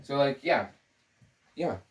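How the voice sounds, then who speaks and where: A man's voice: medium pitch, expressive, slow pace. A young man with a sore throat giving scattered, joking commentary, often cutting himself off mid-thought. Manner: scattered, self-interrupting, joking. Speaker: video essayist. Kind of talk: rambling casual commentary. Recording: roomy, distant from the mic.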